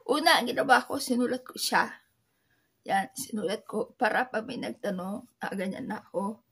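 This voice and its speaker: A woman from the Philippines chatting casually as an online seller, with a soft voice that sounds like crying, talking haltingly with many fillers. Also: on the high side, slightly rough. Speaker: online seller sharing tips. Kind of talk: casual vlog talk.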